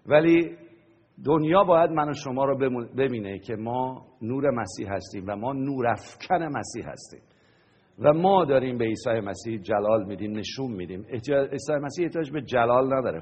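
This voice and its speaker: A man's voice: mid-range voice, a little mellow, breathy edge. A man preaching a sermon to a congregation, teaching and often asking them questions. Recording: long hall reverb.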